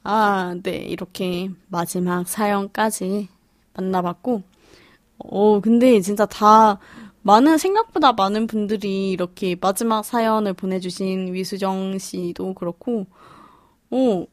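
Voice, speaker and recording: A woman's voice: mid-range voice, measured pace, no room sound, studio quality. A woman hosting a podcast, reading listener stories aloud and chatting casually with frequent laughs and fillers.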